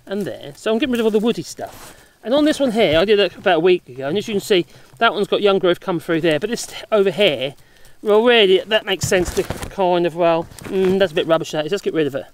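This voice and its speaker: A woman's voice: fairly low pitch, expressive, fast talker. A chatty woman in her garden, joking around and talking to her dog while showing how she trims her plants. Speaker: gardening vlogger. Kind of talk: casual gardening walkthrough. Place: outdoors in a garden.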